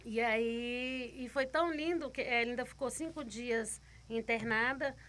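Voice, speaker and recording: Bright, tense-voiced woman telling her testimony. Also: fairly high pitch, measured pace, slight background noise. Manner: vivid retelling, repeating words, voicing others' lines. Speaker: guest giving a faith testimony. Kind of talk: personal testimony storytelling.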